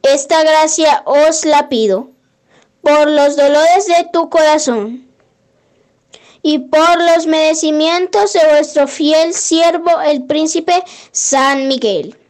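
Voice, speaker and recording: A woman with a high, light voice leads a prayer, taking each verse at an unhurried, deliberate pace. Her recitation is measured and devotional, with the steady cadence of someone reading a litany aloud. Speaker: prayer leader.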